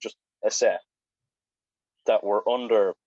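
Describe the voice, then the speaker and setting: A man's voice: lowish voice, steady tone, takes it slowly, warm tone, dry recording. A man, chatting casually and rambling about motorbikes on a video call. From Ireland. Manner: rambling, swears then apologizes. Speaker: biker guest on a video call. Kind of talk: casual chat. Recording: dull lo-fi video call audio.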